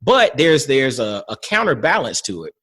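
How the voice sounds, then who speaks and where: A male podcast host speaks reflectively, grows animated as he makes his points, and murmurs agreement while his guest talks. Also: mid-range voice, normal speed, breathy edge. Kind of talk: casual conversation.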